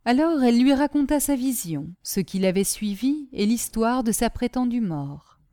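Woman audiobook narrator, measured, slightly high voice, dry close sound. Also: animated, mellow, dry recording. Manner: measured storytelling. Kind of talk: scripted narration.

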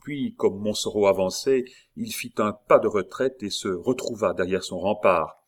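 Deep-voiced male audiobook narrator. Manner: steady, measured storytelling. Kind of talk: audiobook reading of a classic novel.

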